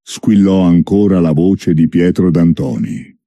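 Deep, slow male storyteller. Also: steady tone, mellow, no room sound. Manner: measured, deliberate reading. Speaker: narrator. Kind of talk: scripted storytelling narration.

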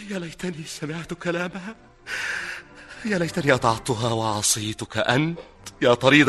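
A man's voice: on the high side, sharp tone. An actor playing the anguished tragic king Oedipus in a classic radio drama, with declamatory cries and pleas. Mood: grief-stricken.

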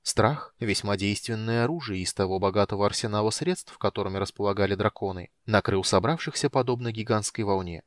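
A man reading fantasy narration in an audiobook with a steady, measured delivery. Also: fairly low pitch, no room sound, clean studio sound.

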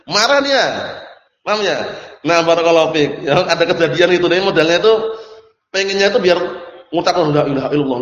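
A man's voice: sits high, fairly bright tone. Man teaching religion in an echoey hall. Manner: asks the audience questions and answers them himself; repeats phrases and checks understanding. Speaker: Islamic teacher. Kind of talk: religious study lecture. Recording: echoey hall, dull lo-fi sound.

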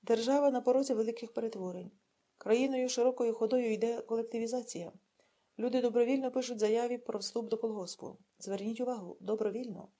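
Woman doing a formal male party organizer, measured speech, husky, mellow. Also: on the high side.

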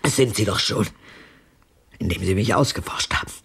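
In a radio drama, an older actress plays a bitter, haunted old woman, delivering her lines deliberately and pointedly. Her low, breathy voice drops into whispers, the acting is heavy, and the mood is bitter and grave.

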